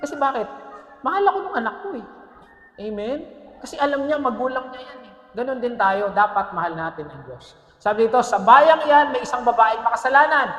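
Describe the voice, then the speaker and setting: A male pastor delivers a lively, joking sermon with a high, bright voice. He mixes English phrases into his preaching and keeps checking in with the congregation. The recording echoes with the long reverb of a church hall. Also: a little fast.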